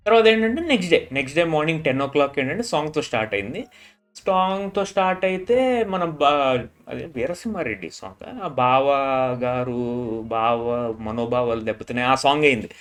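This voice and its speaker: A man's voice: a little high, animated, brisk. A man casually recapping a reality show episode. He drops his voice when he quotes people and keeps repeating filler tags. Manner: retells scenes, dropping his voice for quoted lines.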